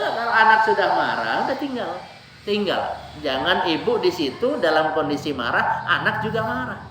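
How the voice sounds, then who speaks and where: A man preaching a lively, joking sermon to a congregation, weaving in Arabic quotations. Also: sits high. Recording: echoey room, ambient noise.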